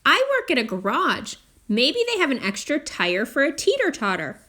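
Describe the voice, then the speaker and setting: A woman's voice: high voice, huge pitch swings, moderate pace, sharp tone, voice pushed up, full character voice. A woman voicing a helpful, obliging garage-worker neighbor woman in a children's storybook. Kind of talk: children's storybook character reading.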